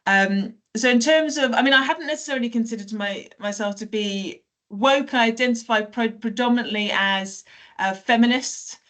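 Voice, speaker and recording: A woman from South Wales who works as a teacher, telling personal stories in a relaxed podcast chat with frequent fillers and self-corrections. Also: fairly high pitch, moderate pace. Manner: chatty, many fillers and self-corrections, light laughs. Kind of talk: casual conversational storytelling.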